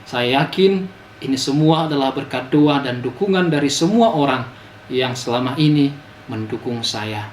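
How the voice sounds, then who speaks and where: A young adult man, a Capuchin friar, giving a heartfelt, expressive testimony of his vocation. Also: medium pitch, normal speed. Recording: roomy echo, faint noise.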